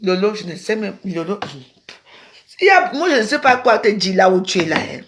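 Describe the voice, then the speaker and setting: A woman streaming live from home on her phone. Her voice leaps up and down as she rambles and bursts into loud exclamations. Her talk stays loose and unscripted. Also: medium pitch, moderate pace, slight background noise. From Cameroon. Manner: excitable, rambling, breaks into exclamations. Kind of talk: casual Facebook live chat.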